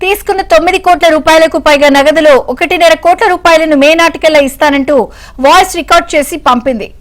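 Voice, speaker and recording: A woman's voice: extremely high pitch, fast talker. A woman reading scripted news narration as a voice-over reporter.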